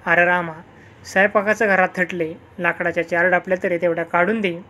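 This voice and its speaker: A reader puts on a self-serving village schoolmaster in a storybook tale. He talks in a bossy, demanding manner at a middling pitch. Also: flat delivery, a little fast, sharp tone, lightly acted.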